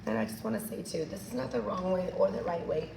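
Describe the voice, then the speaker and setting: A woman hair colorist, her voice still recovering from being lost, demonstrates a coloring technique in a chatty hands-on tutorial and calls her viewers "you guys." Her mid-range voice is quick and shows vocal fry. The recording is noisy, echoey and captured with a distant mic.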